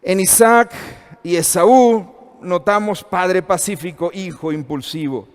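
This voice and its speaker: A man in his fifties with an Argentine Spanish accent leads a church seminar conversationally, posing questions to the audience. His voice sits high, he speaks slowly, and the sound carries the feel of a large hall.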